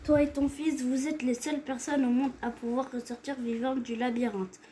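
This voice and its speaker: A woman's voice: high-pitched, steady tone, normal speed, warm tone, a little hiss or hum, lightly acted. A woman voicing a stern old male king in a storybook reading, speaking firmly and plainly.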